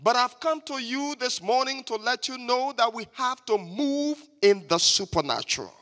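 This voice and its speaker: A man's voice: very high-pitched, expressive, normal speed, a bit bright. A man from Liberia, giving an emphatic sermon as a guest preacher and having the congregation repeat phrases after him. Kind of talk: church sermon. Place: church sanctuary. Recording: long church reverb.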